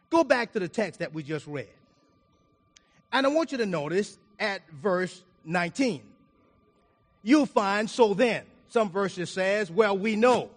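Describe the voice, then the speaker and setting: A man preaching a sermon, reading scripture aloud and explaining it, his volume rising and falling for emphasis. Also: high voice. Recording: reverberant hall.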